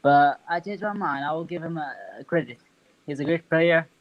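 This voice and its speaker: A man from Saudi Arabia whose first language is Arabic, calling in to a stream and chatting with hesitant, halting phrasing. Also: a little high, no echo, highs cut off. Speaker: caller. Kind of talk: casual chat.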